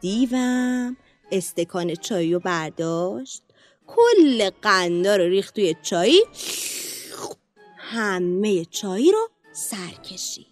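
A woman narrating a children's storybook in a lively, expressive read-aloud manner. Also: medium pitch, soft background music.

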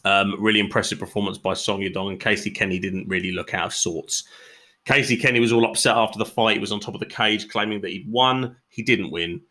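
A man's voice: lowish voice, a little fast, sharp tone. A man hosting a combat sports podcast, chatting in an opinionated way with frequent ums and uhs. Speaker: podcast host.

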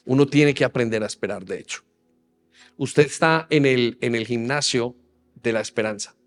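A man's voice: mid-range voice, normal speed, soft background music. Man preaching in a reverberant hall. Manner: earnest, addresses listeners directly with questions. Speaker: pastor. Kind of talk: sermon. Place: church hall.

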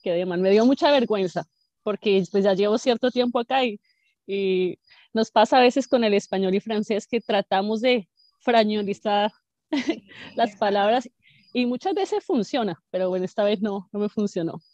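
A woman's voice: mid-range voice, moderate pace, a little mellow, no echo. Self-deprecating female guest, dry dull recording. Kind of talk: casual anecdote telling.

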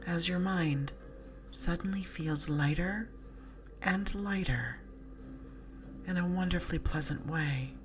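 A woman narrates a sleep story in a low, breathy voice. She moves very slowly through a guided relaxation, soothing and hushed, letting phrases fade softly toward a whisper. Music with a gentle drum beat plays clearly behind her. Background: slow music with drum beat.

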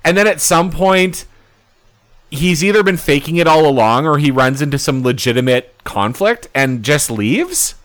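Smooth-voiced man casually recapping a film. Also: on the high side, animated, normal speed, fairly bright tone. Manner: laid-back recapping with fillers and casual swearing. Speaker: podcast co-host. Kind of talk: casual movie review chat.

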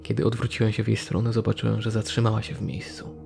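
A man narrating a first-person horror story in a measured, steady way. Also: lowish voice, gravelly, music in the background.

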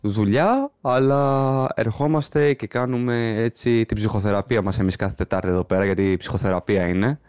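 A man's voice: on the low side, few pauses, a little mellow, clear, resonant tone, no echo, clean studio sound. A man with a mainland Greek accent hosting a podcast in casual chat. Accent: Greek, from Greece. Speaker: podcast host.

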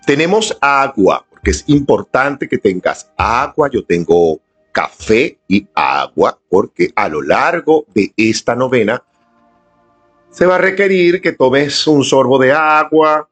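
A man leads a devotional prayer on a live stream, in an earnest and inviting tone, speaking slowly and deliberately to his viewers. His voice sits at a mid pitch. Faint music plays behind him. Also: animated, fairly bright tone, slightly rough. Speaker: prayer leader. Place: indoors at home, filming on a camera.

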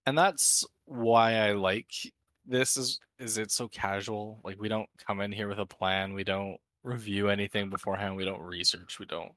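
A man who is high, hosting a casual, unscripted podcast chat in a laid-back stoner manner. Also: steady tone, moderate pace, fairly bright tone, no room sound. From Canada. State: high on cannabis. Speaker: podcast host.

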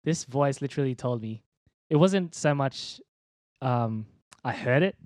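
A man's voice: medium pitch, lively intonation, unhurried, darkish tone, dry recording, clean studio sound. A young man giving a personal faith testimony in an interview, laid-back and slangy, with many ums and restarts. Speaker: interview guest, church leader.

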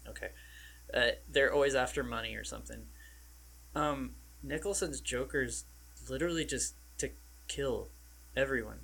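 A man's voice: medium pitch, normal speed, vocal fry, pauses often, fairly bright tone, rough recording. A man co-hosting a podcast, chatting casually about an old film and often trailing off. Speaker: podcast co-host.

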